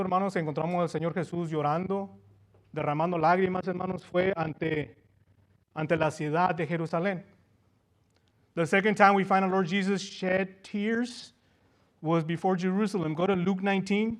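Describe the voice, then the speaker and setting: A high-voiced man delivers a bilingual sermon, switching between Spanish and English and repeating each passage in both. Addressing his congregation as brothers, he presses his points with growing fervor.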